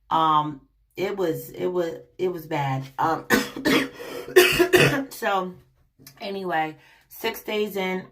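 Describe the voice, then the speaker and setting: A young woman vlogging her illness story to camera, rambling with many ums and restarts, her voice raspy from a lingering cough. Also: on the low side. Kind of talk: casual personal story to camera.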